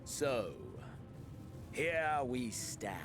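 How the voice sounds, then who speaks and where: An actor playing a brooding, bloodthirsty male game villain with slow, theatrical menace. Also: medium pitch, animated. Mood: cold menace. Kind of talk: dramatic video game voice acting. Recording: music under the voice.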